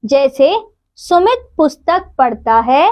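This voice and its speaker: A woman teaching a grammar lesson to children, reading out examples slowly and clearly. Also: sits high, expressive, dull audio.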